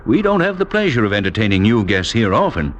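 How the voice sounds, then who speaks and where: An actor playing a suave villainous doctor, formal and over-polite with menace, in a 1940s radio drama. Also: male voice, lowish voice, big pitch swings, fast. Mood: unctuous. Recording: noisy 1940s radio recording.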